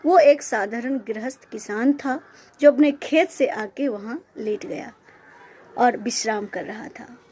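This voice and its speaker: A woman's voice: fairly high pitch, unhurried, mellow, husky. A woman preacher giving a devotional discourse who explains verses through simple stories and briefly voices the characters. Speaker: Ramayana preacher.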